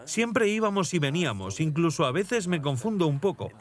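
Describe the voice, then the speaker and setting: A man dubbing a reflective young prince in a documentary, speaking in a calm, even-tempered way. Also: on the high side, normal speed. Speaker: dubbed interviewee voice-over. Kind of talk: documentary dub voice-over.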